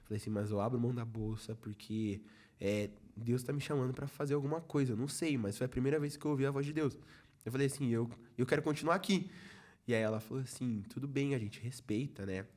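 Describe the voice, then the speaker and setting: A man's voice: mid-range voice, fast, darkish tone. A young Brazilian man who leads a church youth ministry, telling his personal testimony as a guest in a casual podcast chat and acting out the quoted dialogue as he goes. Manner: storytelling, acts out quoted dialogue, many "falei assim" asides.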